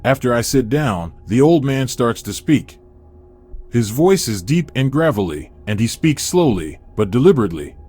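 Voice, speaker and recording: A man's voice: mid-range voice, sing-song, normal speed, a little mellow. Man narrating a horror story. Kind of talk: scripted first-person horror narration.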